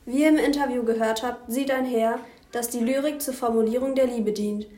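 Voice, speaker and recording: A woman with a fairly high voice reads a scripted school lesson. Her delivery is even and careful. The room around her gives the voice a clear echo. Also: brisk. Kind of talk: scripted educational narration.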